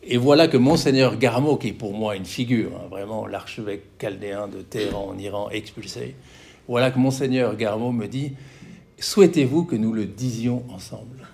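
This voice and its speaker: Earnest, halting middle-aged Frenchman. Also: fairly low pitch, vocal fry, darkish tone. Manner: earnest, halting with many restarts and fillers. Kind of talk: public talk, personal testimony.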